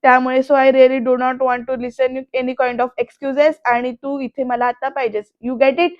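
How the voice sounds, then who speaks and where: A woman's voice: sits high, level tone, takes it slowly, clean tone, no room sound, highs cut off. A woman voicing a brusque, sarcastic young male boss who gives orders. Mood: sarcastic bossy.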